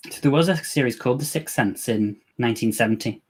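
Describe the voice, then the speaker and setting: A man from England with a Scouse accent hosts a live movie watch-along, chatting casually and joking as he reacts to the film and reads out viewer comments. He talks fast with a medium-pitched voice.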